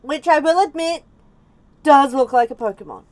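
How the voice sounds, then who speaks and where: A woman with an Australian accent and a fairly high voice talks in a cute anime-streamer manner. She sounds casual and chatty, like someone reacting live for viewers. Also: lively intonation, moderate pace, a little mellow, a little hiss or hum. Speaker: VTuber streamer reacting to videos.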